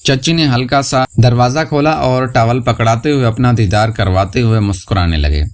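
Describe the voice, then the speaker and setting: A man narrating a scripted first-person story in a steady, unhurried reading voice. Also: mid-range voice.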